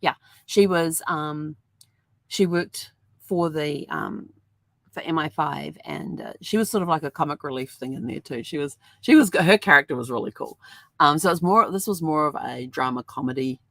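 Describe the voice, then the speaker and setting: Woman host, deep with some vocal fry, rambling casual storyteller. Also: moderate pace, fairly bright tone, no echo. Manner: rambling, chatty storytelling with many fillers. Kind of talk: casual chat.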